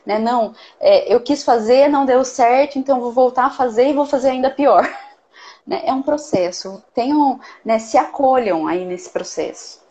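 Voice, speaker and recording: A woman's voice: on the high side, moderate pace, warm tone, lo-fi sound. A woman giving earnest parenting advice in a casual talk, often checking in with "né?". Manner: earnest, explains with many "né?" tags. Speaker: parenting guest expert.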